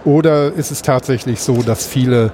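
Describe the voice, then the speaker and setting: A man's voice: mid-range voice, normal speed, background noise. A man interviewing a guest, asking long questions with hesitant, restarting phrasing. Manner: hesitant, many fillers and restarts while asking.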